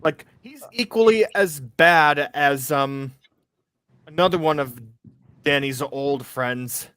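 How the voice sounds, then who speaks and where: A twenty-two-year-old man hosts a stream, chatting casually in a halting, rambling way full of fillers and restarts. His voice sits on the high side, a bit bright and clean, in a dry recording.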